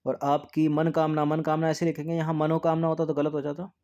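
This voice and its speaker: Drilling spelling for an exam, a man repeats each word and regularly drops into a soft, low aside after the answer. He delivers it in a brisk monotone.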